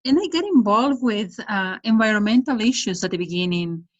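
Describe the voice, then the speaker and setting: Calling in from home over her laptop webcam, this middle-aged woman from Ecuador is a development project manager appearing as a guest. Her mid-range voice has lively intonation and a moderate pace, and though the sound is muffled, she explains her job steadily, with some hesitant fillers.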